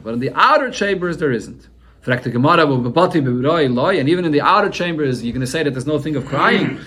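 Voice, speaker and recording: A man's voice: a little high, a bit bright. Man teaching a Talmud lesson. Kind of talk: Talmud shiur, translating and explaining.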